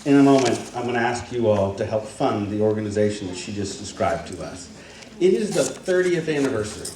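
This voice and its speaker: A man's voice: fairly low pitch, expressive, brisk, a little hiss or hum. A man working as auctioneer and emcee at a fundraising gala, joking and laughing as he explains the bidding. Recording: echoey hall from far off, loud clicks.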